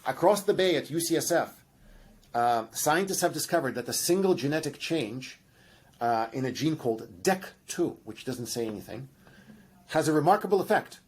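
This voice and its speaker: A genetics professor of Russian ancestry, speaking with a Russian accent, answers interview questions with long, enthusiastic explanations full of restarts and fillers. His voice is a little high, darkish, and animated, with a breathy edge and a moderate pace.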